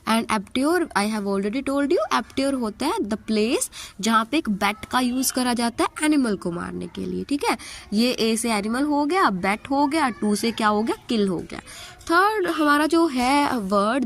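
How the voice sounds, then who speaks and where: A woman's voice: a little high, expressive, slow pace, a little hiss or hum. A young woman teaching English vocabulary for exams, mixing Hindi and English and asking questions as she explains. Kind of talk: exam-prep vocabulary lesson.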